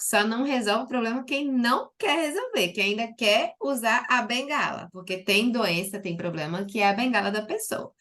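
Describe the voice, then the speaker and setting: A Brazilian woman, a doctor, giving a chatty live-stream talk to her chat, with lots of fillers and fond little words. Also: medium pitch. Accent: Brazilian Portuguese. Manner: chatty and lively, with many diminutives and filler "né".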